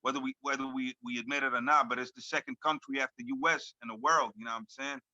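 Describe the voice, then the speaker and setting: On a casual video call interview with dull lo-fi audio and no echo, a hip hop artist in his thirties talks fast at medium pitch, his tone sharp and intonation fairly even. He was born in France and grew up in Lebanon. His talk is laid-back slang stuffed with "you know what I'm saying" fillers.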